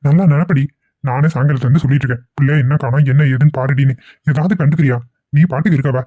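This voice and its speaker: A man's voice: mid-range voice, fairly even intonation, rapid-fire, dry recording, narrow, tinny audio, lightly acted. A man doing a grumbling worried father. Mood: worried, scolding. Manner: scolding, grumbles at his wife. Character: worried middle-aged father, grumbling and impatient. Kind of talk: cartoon voice acting.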